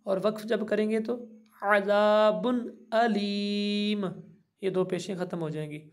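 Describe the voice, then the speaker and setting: Teaching someone to read the Quran, a man with a high, gravelly, dark voice carefully names each letter and vowel mark. Between explanations he recites in a slow, stretched-out way.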